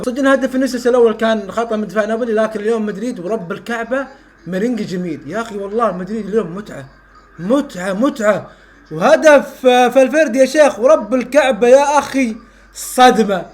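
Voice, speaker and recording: High-pitched fast streamer. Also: male voice. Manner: exclaims and repeats phrases, shouts at goals. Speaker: streamer reacting to a football match. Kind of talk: excited live reaction commentary.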